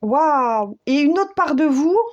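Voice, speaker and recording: Soft-spoken woman giving tarot guidance. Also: sits high, expressive, lo-fi sound. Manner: searching for words, many fillers, addresses listeners as friends; slow, soothing, repeats key phrases. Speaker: tarot and spiritual guidance reader.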